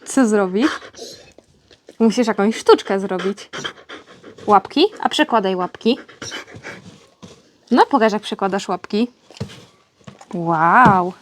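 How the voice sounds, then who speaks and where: A woman's voice: mid-range voice, slow, long pauses, a little hiss or hum. A young woman vlogging outdoors on a farmyard, chatting casually to her animals and playfully scolding them.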